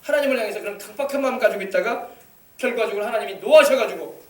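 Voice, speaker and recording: In a church sanctuary, a male pastor delivers an emphatic sermon, exhorting the congregation with rhetorical questions. His voice is high and racing, and the mic sits at a distance in the echoey church hall.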